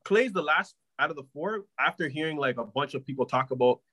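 A man's voice: a little high, animated, brisk, bright, forceful tone, no room sound. A young man. He gives slangy, opinionated sports takes in casual banter, recorded dry and close. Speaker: sports podcast panelist.

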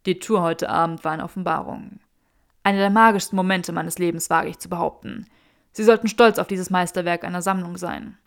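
A woman's voice: on the low side, steady tone, a little fast, lightly acted. Clever young witch in a man's body, read by a woman. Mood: gracious.

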